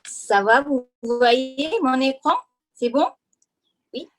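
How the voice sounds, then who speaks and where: A woman's voice: high voice, slow pace. A woman French teacher giving a hesitant online presentation over a video call, with many fillers and restarts.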